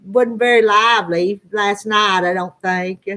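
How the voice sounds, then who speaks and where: A woman's voice: mid-range voice, steady tone, a little slow, pushed and bright. A woman in her sixties with a rural Southern Ozark country accent, chatting casually to live viewers as host in a folksy, rambling, homespun way. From Arkansas Ozarks foothills, United States. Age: 60s. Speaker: livestream host.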